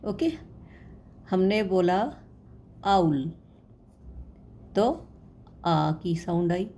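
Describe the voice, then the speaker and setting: A woman with a low, mellow voice teaches in an unhurried way, drawing out each sound with care. She pauses often to ask the viewer questions. A faint hiss sits under her voice. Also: fairly even intonation. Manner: patient, repeats sounds slowly and asks the viewer questions. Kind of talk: explanatory lesson.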